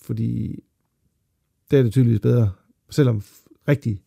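Male podcast co-host; gravelly, dark, dry close sound, opinionated and hesitant. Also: medium pitch, no echo. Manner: opinionated, hesitant with many fillers. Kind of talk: casual film review chat.

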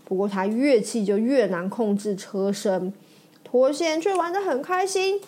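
A woman reading a children's storybook aloud with an expressive, animated delivery. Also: on the high side, a little slow.

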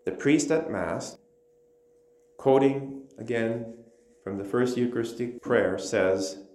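A man teaching a Bible lesson in a measured, emphatic way, quoting scripture aloud. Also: medium pitch, a little mellow, roomy sound.

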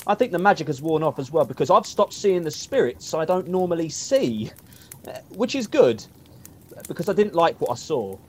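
A man's voice: a little high, sing-song, normal speed, slight background noise. A man playing a dotty daydreaming explorer. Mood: content. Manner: whimsical, cheerfully oblivious. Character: dotty, hungry male explorer lost in fantasies. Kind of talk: comedy audio drama.

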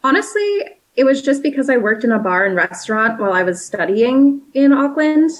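A woman's voice: sits high, sing-song, a little fast, rough recording. A woman in her late twenties, originally from South Africa, chatting casually and upbeat as an interview guest, with lots of fillers and easy laughs.

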